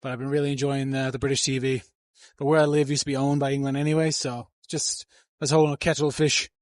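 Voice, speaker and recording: A man's voice: mid-range voice, flat delivery, fast, no echo, clean studio sound. A man talking through his workout in a gym, coaching and rambling casually into a handheld mic, breathing hard between sets. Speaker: fitness vlogger. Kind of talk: casual gym vlog narration.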